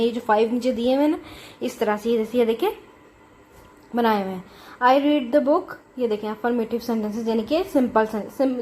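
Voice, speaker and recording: Woman teacher, higher voice, slow dictation, faint room noise. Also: darkish tone. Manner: mixes Hindi-Urdu explanation with slow English dictation. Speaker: English teacher. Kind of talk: classroom lesson walkthrough.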